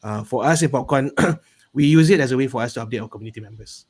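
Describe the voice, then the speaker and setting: A man's voice: medium pitch, fast talker, a little mellow, husky. A man with a Malaysian accent giving a casual explanation as a panel guest, often checking in with a "right?". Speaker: panel guest, business coach.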